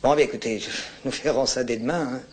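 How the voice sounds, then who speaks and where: An actor playing a composed French army captain who speaks calmly and politely on the telephone. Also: male voice, mid-range voice, natural voice. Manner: calm, polite, unhurried formal phone talk. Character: composed French colonial captain, courteous and detached. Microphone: telephone call.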